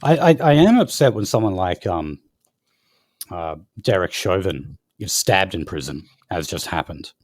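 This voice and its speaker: A man's voice: deep voice, expressive, a little slow, a little mellow, no room sound. A man co-hosting a podcast, reading out news stories in a hesitant way with many fillers. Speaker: podcast co-host. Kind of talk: casual news discussion.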